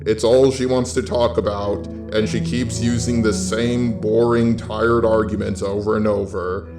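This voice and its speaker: An American man from California, a YouTube host with a robot avatar, delivers a scripted opinion monologue in a blunt, sweary, sardonic way. His voice is lowish, with little pitch movement and a measured pace. The recording has roomy echo and a faint music bed.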